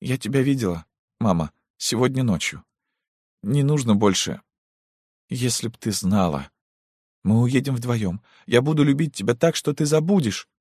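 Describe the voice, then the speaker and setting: Guy putting on a teary young girl voice, way up high and pleading, dramatic, dry recording. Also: expressive, normal speed, no room sound. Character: desperate young girl pleading with her mother.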